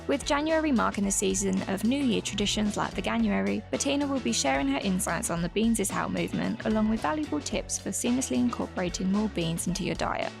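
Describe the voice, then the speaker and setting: A woman hosting a podcast, reading a measured prepared introduction before asking her guest questions. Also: medium pitch, vocal fry. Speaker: podcast host and interviewer.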